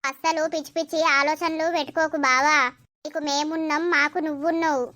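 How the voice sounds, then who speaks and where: Cartoon village woman, voiced, high bright bossy caretaker, Telangana accent, dry recording. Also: level tone, fairly quick, no echo. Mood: scolding. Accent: Telangana Telugu. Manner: scolding, fussing, talkative. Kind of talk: cartoon voice acting.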